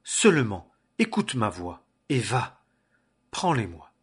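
A man's voice: lowish voice, wildly swooping pitch, slow pace, husky, exaggerated voice. A man reading as a scheming mother. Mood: urging. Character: scheming mother urging her son.

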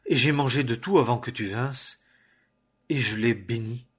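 A man reading aloud the part of an elderly patriarch father, in a husky voice. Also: mid-range voice, normal speed, close to an everyday voice. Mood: shaken.

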